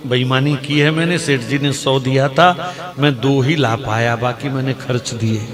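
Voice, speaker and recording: A man's voice: mid-range voice, unhurried, crowd noise, close to an everyday voice. A man voicing a poor, humble holy man who pleads tearfully and feels guilty.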